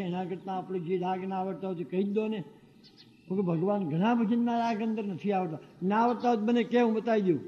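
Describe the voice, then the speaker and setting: A man telling a devotional story to a gathering, animated and acting out the exchanges he describes. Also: high voice. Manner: animated, acts out quoted exchanges. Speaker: devotional speaker. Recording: dull lo-fi sound with long hall reverb.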